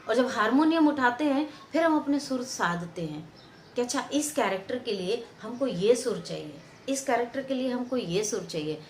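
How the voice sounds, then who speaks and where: Expressive woman lecturing on acting. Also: a little high, roomy sound, a little hiss or hum. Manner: expressive, acts out example lines and stresses; repeats phrases for emphasis. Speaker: theatre and film actor giving a lecture.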